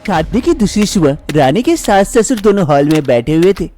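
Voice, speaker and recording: A woman narrates an animated drama story in a steady, storytelling way. Her voice sits somewhat low. Her pitch moves in lively swings. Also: normal speed, faint music behind.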